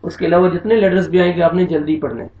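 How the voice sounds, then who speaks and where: A man teaching Quranic recitation, spelling out each syllable slowly and drawing out the recited words. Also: sits high, fairly even intonation. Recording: echoey, distant, dull lo-fi room sound.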